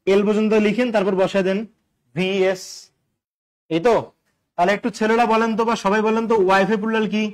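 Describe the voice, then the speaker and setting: A man's voice: high-pitched, flat delivery, fast talker, pauses often. A male teacher, giving an exam-prep grammar lesson and quizzing listeners with repeated questions and jokes. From Bangladesh.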